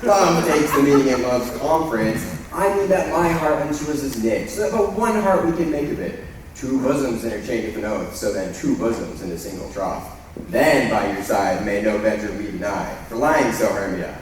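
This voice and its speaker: A man's voice: mid-range voice, animated, normal speed, slight background noise, natural voice. A young man as Lysander, an ardent young lover. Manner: playful, swooping verse delivery. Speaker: stage actor. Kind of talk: school stage play. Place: school stage. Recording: echoey hall from far off.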